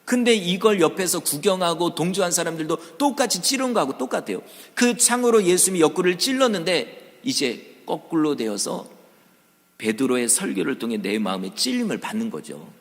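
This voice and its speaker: A man's voice: on the high side, sing-song, moderate pace. A man preaching a Sunday sermon, talking straight to his congregation and acting out the voices of crowds in the story. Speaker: pastor. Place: church sanctuary. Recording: church hall reverb.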